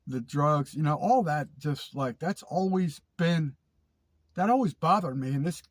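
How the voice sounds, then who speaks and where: Vlog host, male, congested nasal voice, slightly raised pitch, loose rambling delivery with fillers, dry room. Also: dry recording. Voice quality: nasal, stuffy. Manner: rambling, repeats words, frequent fillers. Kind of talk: casual storytelling monologue.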